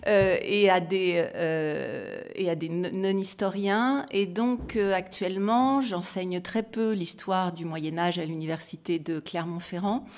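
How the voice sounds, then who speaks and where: A woman's voice: on the low side, a little slow, hardly any pauses, a little mellow. A woman, giving an academic symposium talk as a historian, hesitant with many fillers and restarts.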